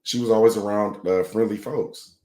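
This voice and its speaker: A man's voice: fairly low pitch, fairly even intonation, normal speed, dark tone, roomy sound. A man co-hosting a podcast while sick, his voice scratchy, talking casually about politics. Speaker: podcast co-host.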